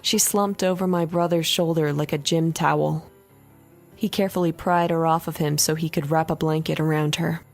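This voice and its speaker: A woman reading a horror story aloud in an expressive first-person narration. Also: low voice, normal speed, soft background music.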